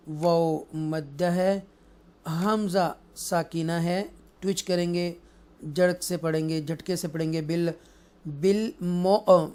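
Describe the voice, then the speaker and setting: A man teaching Quran recitation rules, explaining in a mix of Urdu and English and then reciting verses slowly and melodiously. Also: a little high, a little mellow, clear, resonant tone. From Pakistan. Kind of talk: tajweed lesson, explaining and reciting.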